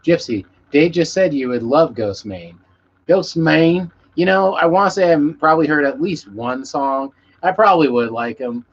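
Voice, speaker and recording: Over muffled, lo-fi stream audio with background noise, a man with a fairly high, breathy-edged voice chats with his viewers at normal speed. He's a musician, rambling in a relaxed way and cursing freely.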